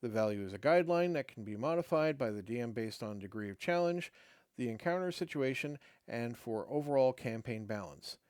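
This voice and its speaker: A middle-aged man hosts his own show, reading a game rulebook aloud with casual asides. He halts between passages with many fillers and restarts. His medium-pitched, slightly mellow voice has lively intonation, but his throat is dry and his voice is fading. The recording is dry.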